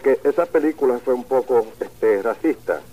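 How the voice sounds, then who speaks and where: A man's voice: mid-range voice, expressive, normal speed, mellow, poor audio. A man calling in to a radio show, speaking hesitantly with many fillers. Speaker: caller. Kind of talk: radio call-in chat.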